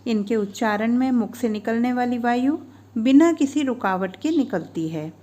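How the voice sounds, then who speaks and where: A woman's voice: fairly high pitch, moderate pace, warm tone. A woman in her fifties narrating a scripted grammar lesson over slides, spelling out each sound and example with care. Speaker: teacher.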